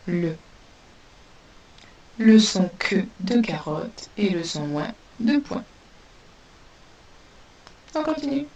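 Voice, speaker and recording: A woman teaching a spelling lesson to young pupils, dictating words slowly and sounding out each letter. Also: lowish voice, darkish tone. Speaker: primary school teacher. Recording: distant mic with faint hiss.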